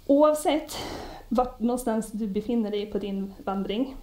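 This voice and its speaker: A woman preaching a sermon in a conversational storytelling way, often pausing with hesitations. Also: a little high, warm tone. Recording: echoey room.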